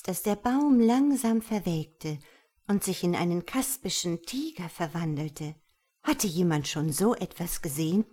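A woman narrating a fairy tale in a calm, measured reading voice. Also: medium pitch. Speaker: storyteller.

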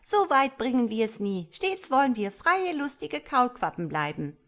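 A woman voicing a crowd of cheeky young frogs who tease their mother in shrill, high voices. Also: sing-song, normal speed. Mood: mocking. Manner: shrill, teasing, shouting in chorus. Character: cheeky young frog children, shrill, mocking.

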